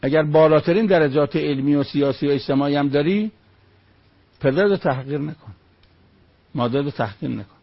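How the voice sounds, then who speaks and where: A man's voice: a little high, gravelly, long pauses, husky, dry recording, lo-fi sound. A man preaching on Quran verses, emphatic, with rhetorical questions and short stories.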